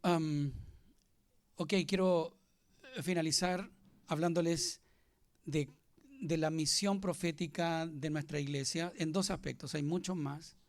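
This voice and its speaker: A man's voice: a little high, steady tone, takes it slowly, pauses often. A man, preaching a sermon as pastor and asking his congregation questions.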